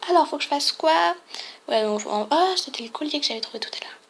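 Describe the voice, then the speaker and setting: A woman's voice: high-pitched, animated, fast talker, gravelly. A young woman chatting casually while playing through a game and reacting to it. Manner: chatty, reacts and reads aloud. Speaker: let's play gamer.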